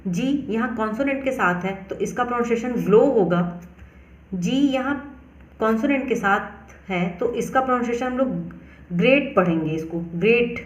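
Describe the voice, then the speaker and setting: A woman teaching English pronunciation, explaining rules slowly and spelling words out letter by letter. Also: a little high, echoey room. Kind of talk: explanatory lesson.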